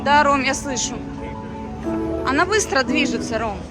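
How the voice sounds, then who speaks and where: A woman's voice: high-pitched, lively intonation, normal speed, loud music behind the voice, poor audio. A woman in her thirties vlogging casually outdoors, musing aloud and rambling with fillers and restarts. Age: 30s. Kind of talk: casual walking vlog chat. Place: outdoors on a city street. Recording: street traffic noise behind.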